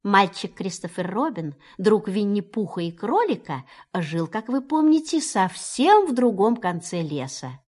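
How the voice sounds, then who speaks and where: A woman's voice: medium pitch, a little slow, hardly any pauses. Woman reading a storybook aloud. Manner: expressive, storybook telling.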